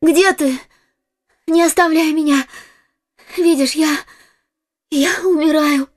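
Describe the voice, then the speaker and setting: A tender, fragile young woman voiced by an actress in an audiobook speaks in a high, soft, breathy voice. Her words often thin almost to a whisper. The recording is dry and close. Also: fairly even intonation, moderate pace, no room sound. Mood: fading. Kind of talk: audiobook character voice.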